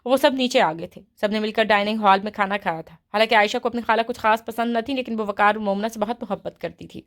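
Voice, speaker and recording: A woman reads a romance novel aloud in a slightly high voice. Her delivery is steady and even, in the manner of a storyteller. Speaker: novel reader.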